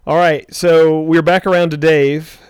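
High-pitched American man hosting a casual quiz. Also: little pitch movement, a little slow, clear, resonant tone, dry recording. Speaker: quiz host.

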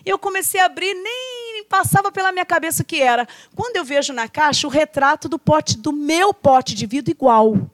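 A middle-aged Brazilian woman preaching, her voice pitched high and bright. She tells stories from home with lively energy and acts out the voices in them. The sound is dry and close. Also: brisk, few pauses, no echo. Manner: lively, acts out quoted voices, often addresses "irmão". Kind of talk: sermon with personal storytelling.

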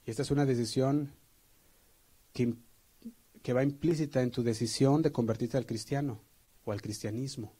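A pastor preaching earnestly, checking in with the congregation. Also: male voice, medium pitch, steady tone, normal speed, pauses often, dark tone, slightly rough. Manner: earnest, asks the congregation for assent. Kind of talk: sermon.

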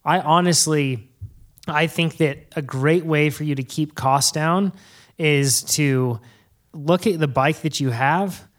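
A man hosting a casual podcast, relaxed and rambling, laughing often. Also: fairly high pitch, slow pace. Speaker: podcast host.

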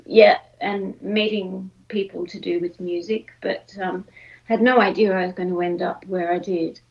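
A woman's voice: on the low side, fairly even intonation, normal speed, vocal fry, muffled recording. An Australian woman, a podcast guest, reflecting casually on her past with frequent fillers. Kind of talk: casual interview.

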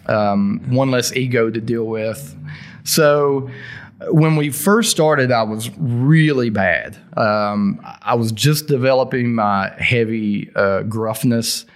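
Middle aged guy, real thick deep south accent, just chatting in an interview, folksy way of talking. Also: takes it slowly. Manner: informal, folksy grammar. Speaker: interview guest, heavy metal singer. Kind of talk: casual interview storytelling.

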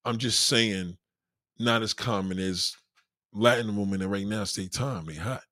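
A man's voice: lowish voice, moderate pace, no echo, studio quality. A man rants bluntly and profanely to his live-stream viewers, reading out their comments. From New York. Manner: blunt, profane, animated street talk. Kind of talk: casual live-stream rant.

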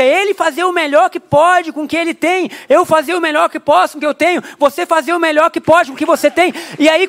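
High-voiced man preaching a sermon. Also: fairly bright tone. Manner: conversational preaching with rhetorical asides. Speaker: pastor. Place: church.

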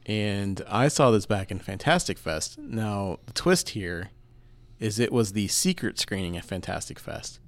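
A man's voice: on the low side, lively intonation, measured pace, no room sound. A man co-hosting a casual podcast, reviewing films and chatting, laughing easily. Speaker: podcast co-host, film reviewer. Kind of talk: casual film review chat.

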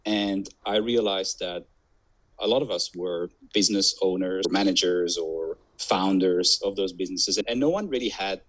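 Low husky man with a mixed Belgian accent. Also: moderate pace, fairly bright tone, low-quality recording. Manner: fluent, listing experience in long runs. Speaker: guest. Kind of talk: podcast interview.

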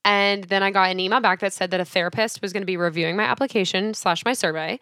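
A woman's voice: mid-range voice, fast, bright, forceful tone, no room sound, clean studio sound. A woman co-hosting a podcast, telling a story in casual chat with lots of fillers. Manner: chatty storytelling, many fillers. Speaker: podcast co-host.

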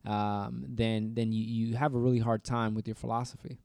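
A man co-hosting a casual podcast discussion, talking in an animated way and acting out quoted exchanges. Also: lowish voice, normal speed, vocal fry, clear, resonant tone, no room sound. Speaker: podcast co-host.

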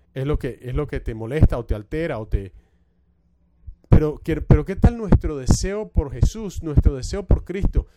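Halting Spanish-speaking male preacher. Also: fairly high pitch, dark tone, a little hiss or hum. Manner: halting, repeats words while telling a story. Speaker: pastor. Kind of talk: sermon.

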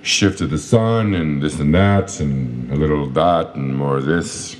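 A man's voice: extremely low pitch, a little slow, faint music behind. A man voicing a drunk, gloomy private investigator who rambles in a befuddled, self-pitying way in a comedic audio drama.

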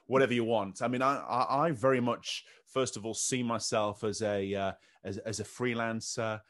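A man's voice: on the low side, steady tone, normal speed, a bit bright. A man speaking as a podcast guest, talking in a hesitant way with many fillers and restarts. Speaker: podcast guest, trade association founder. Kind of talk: casual interview talk. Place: based in Scandinavia.

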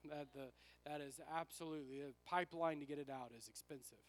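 A man preaching a sermon with personal stories as a pastor, his raspy voice worn from use, repeating phrases for emphasis. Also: a little high, fast.

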